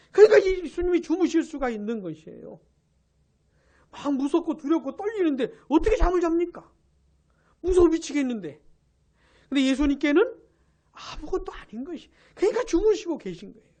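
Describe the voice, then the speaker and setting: A woman pastor preaching a New Year's Eve sermon. She tells the story with animation, asks the congregation questions and answers them, and drops to a hush for emphasis. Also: sits high. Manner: drops to a hush for emphasis, then rises again.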